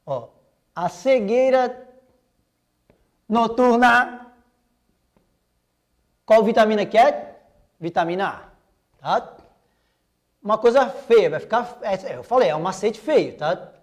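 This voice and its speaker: A man's voice: high voice, lively intonation, slow pace, long pauses. Man, Brazilian accent, young adult, online lesson, casual slangy upbeat teacher. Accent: Brazilian Portuguese. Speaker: biology teacher. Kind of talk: online exam-prep lecture.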